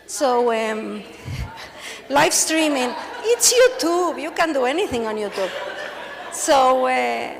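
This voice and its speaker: Crowd noise and long hall reverb surround a woman on stage whose high-sitting voice is expressive, slow, and creaky. She's from Argentina, in her forties, a native Spanish speaker with an Argentine accent, giving a frank, funny conference talk as a patient.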